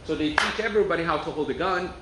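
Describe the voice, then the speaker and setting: Turkish-born guy preaching, kinda high voice, chatty, echoey room w faint hiss. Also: fast. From Turkey. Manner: conversational, storytelling with rhetorical questions. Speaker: pastor. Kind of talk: sermon.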